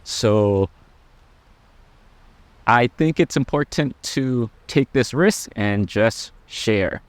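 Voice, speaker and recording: A middle-aged man, a Buddhist monk, speaking to camera in a gentle, earnest way. He talks very slowly, leaving pauses between thoughts, at an ordinary pitch for a man. The sound is dry and close, with no room echo. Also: expressive. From Laos. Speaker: Buddhist monk sharing life lessons. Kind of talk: personal reflective talk to camera.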